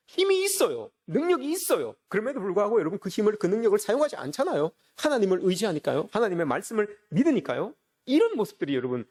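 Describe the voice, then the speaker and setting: A male pastor delivers a sermon in a high, lively voice that swings up and down, and he keeps up a quick pace. He is earnest and emphatic and often turns to call out to his listeners.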